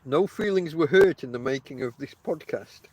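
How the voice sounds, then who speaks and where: Toothless man rambling, slightly high voice. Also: lively intonation, moderate pace, low-quality recording. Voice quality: toothless, lips-over-teeth articulation. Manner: self-deprecating, wry banter. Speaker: podcast host. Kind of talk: casual rambling podcast talk.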